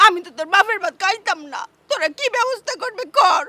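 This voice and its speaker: A woman's voice: very high voice, animated, fast, sharp tone, exaggerated voice. A woman playing a tearful, aggrieved village mother in a comedy drama, speaking with a Sylheti Bengali accent and wailing her complaints.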